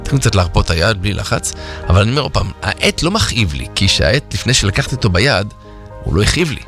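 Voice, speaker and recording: A man runs a self-help exercise from a radio studio, talking listeners through each step. His voice rises and falls with a very lively pitch, and he teases and asks rhetorical questions as he goes. Faint music plays softly behind him. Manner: animated, rhetorical, playfully teasing. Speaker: self-help workshop instructor.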